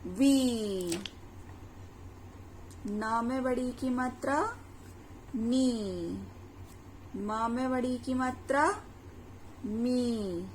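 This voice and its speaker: Woman teacher, high voice, unhurried pace, drawn-out syllables, checking questions, echoey room, faint background hiss. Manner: slow, drawn-out syllables for repetition; asks checking questions to the class. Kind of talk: children's Hindi letters lesson.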